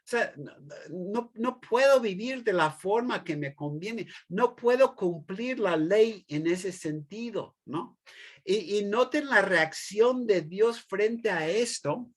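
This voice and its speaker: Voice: mid-range voice, expressive, takes it slowly. A teacher lecturing a class, talking hesitantly with many fillers, restarts and tag questions, and explaining through everyday examples.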